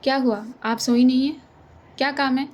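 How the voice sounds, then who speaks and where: A woman's voice: high voice, fairly even intonation, moderate pace, a little mellow, muffled recording, slight background noise, voice pushed up, lightly acted. A woman voicing a tired, curt young woman who keeps her distance in an audio love story. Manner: curt, dismissive, controlled. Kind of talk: audio drama reading.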